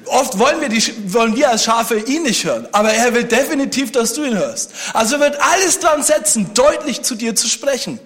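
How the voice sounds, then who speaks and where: A man's voice: very high-pitched, expressive, fairly quick, few pauses, a bit bright. A man preaching a sermon, speaking conversationally and joking with the congregation. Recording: long hall reverb.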